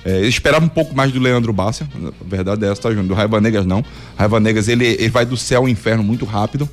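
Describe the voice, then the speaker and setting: A man's voice: fairly low pitch, racing, soft background music. A man from Pernambuco, a former player, commentating on football in casual, argumentative talk. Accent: Pernambuco Portuguese. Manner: animated, protesting, arguing his point.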